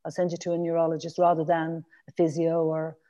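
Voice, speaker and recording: Heard on lo-fi sound, a woman in her fifties from Ireland talks briskly in a deep, mellow, completely flat voice with a Dublin accent. As a guest in a casual podcast interview, she rambles with restarts and fillers.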